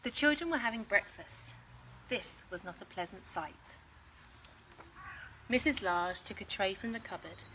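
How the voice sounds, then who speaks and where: A British woman narrating a children's story in an expressive, clearly paced teacher's manner. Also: mid-range voice, measured pace, long pauses, a little hiss or hum. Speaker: assistant head teacher reading a story.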